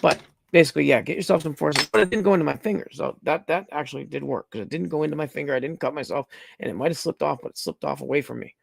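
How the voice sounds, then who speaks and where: Gravelly, blunt-talking man hosting a livestream. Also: fairly high pitch, rapid-fire, a little hiss or hum. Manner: blunt, rambling, swears freely. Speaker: livestream host. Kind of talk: casual livestream chat.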